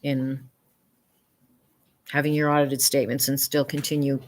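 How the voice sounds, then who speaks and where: A Canadian woman, a municipal administrator, explaining budget matters at a public meeting in halting turns. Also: rumbling low, little pitch movement. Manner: halting, explains with many fillers and restarts.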